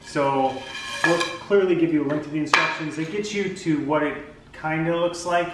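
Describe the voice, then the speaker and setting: In a garage workshop, a tired man in his forties hosts a casual DIY vlog, talking through a woodworking build. His voice is a little high, the sound reverberant with some hiss or hum, and the recording low quality. He rambles a bit, full of ums and restarts.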